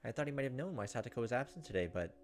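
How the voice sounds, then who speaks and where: Narrating a visual novel in a let's play, a man in his thirties mixes dramatic reading with casual side comments. He speaks very fast in an animated, medium-pitched voice over soft game music.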